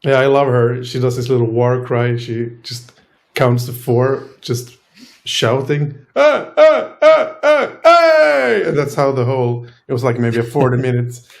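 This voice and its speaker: A man's voice: medium pitch, level tone, moderate pace, darkish tone. A man, a musician in a band, talking casually in an interview and hesitating often with fillers. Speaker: band member.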